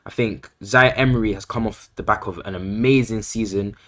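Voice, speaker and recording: Low-voiced man hedging his opinions. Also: steady tone, a little fast, a bit bright. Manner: hedging, repeats himself, lots of "I think" and "I feel like". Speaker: podcast co-host. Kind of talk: casual football chat.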